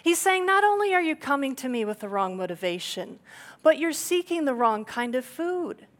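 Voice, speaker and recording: Animated woman preaching a playful sermon. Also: high voice, normal speed. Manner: playful, animated storytelling with acted quotes. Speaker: pastor. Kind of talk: conversational sermon.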